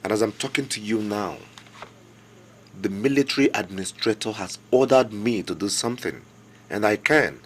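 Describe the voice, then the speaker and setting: A man's voice: lowish voice, moderate pace, a little hiss or hum, lightly acted. A man playing an earnest young Nigerian official. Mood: pleading. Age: young adult. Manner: deferential, earnest, pressing. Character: young educated official, respectful but insistent. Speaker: local government chairman. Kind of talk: film drama acting.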